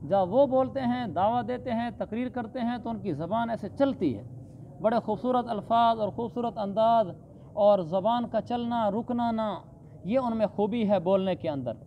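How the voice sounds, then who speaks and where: A man teaching Quran recitation, slowly drawing out verses and then explaining the rules plainly. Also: very high voice. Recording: dull lo-fi sound with faint background noise.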